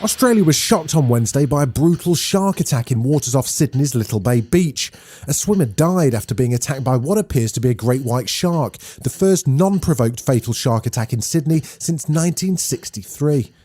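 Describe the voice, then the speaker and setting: A man hosting a daily news podcast, reading scripted news in a brisk, lively way. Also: medium pitch, husky.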